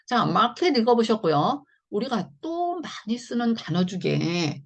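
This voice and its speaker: A woman's voice: a little high, big pitch swings, a little slow. A woman teaching English phonics in a chatty, step-by-step online lesson. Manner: chatty, repeats "자" and "네" often, explains step by step.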